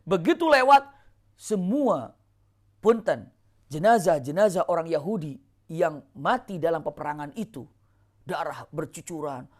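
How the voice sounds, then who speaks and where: Animated woman telling a religious story. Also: low-pitched, unhurried. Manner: animated, asks rhetorical questions and answers them. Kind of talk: Islamic storytelling lecture.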